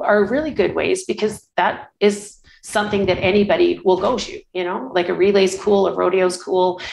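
A woman's voice: on the low side, vocal fry, a little hiss or hum, low-quality recording. A woman in her sixties, a guest photographer, telling stories in a casual interview in an earnest, rambling way full of restarts. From Canada.

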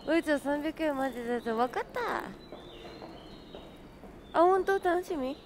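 A woman's voice: high-pitched, animated, a little slow, background noise. A woman live-streaming outdoors, chatting casually with her viewers and friends and laughing often. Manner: bubbly, greets chat, laughs often. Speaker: livestreamer.

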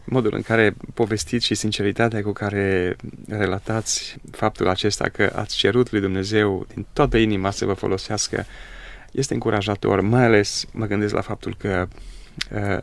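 A male interview host speaks in a measured, reflective, preacherly way. His voice is low and gravelly, and his pitch stays flat and even. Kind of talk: religious interview.

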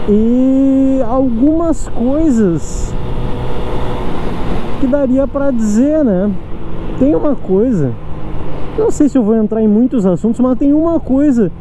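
A young motovlogger with a southern Brazilian Portuguese accent rambles frankly and self-deprecatingly while riding a scooter through city traffic. His voice is very high and slow, with long pauses. The helmet or action-camera mic sounds muffled, picking up light wind and traffic noise.

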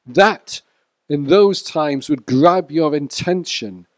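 Man, preacher, sermon, slow and measured, fairly high voice, dry close sound. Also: no echo. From Wales. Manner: measured, speaks to the congregation by name. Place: church.

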